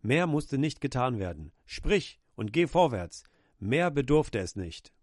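A man's voice: medium pitch, very animated, a little slow, a little mellow, dry recording, clean studio sound. A man preaching a sermon with fervour, acting out the pleading cries of the people he quotes.

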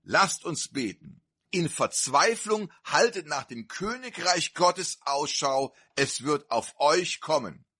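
A man preaching a fervent sermon, telling stories and leading a prayer in a slow, emphatic delivery. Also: a little high, expressive, bright, forceful tone, slightly rough.

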